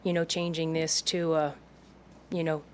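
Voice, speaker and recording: A woman's voice: sits low, level tone, a little slow, a little hiss or hum. A woman giving informal public comment as a resident at a hearing.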